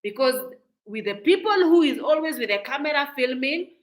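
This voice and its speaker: A woman's voice: high voice, animated, normal speed, rough recording. A Kenyan woman giving outspoken, indignant reaction commentary as a vlogger, often restarting her sentences.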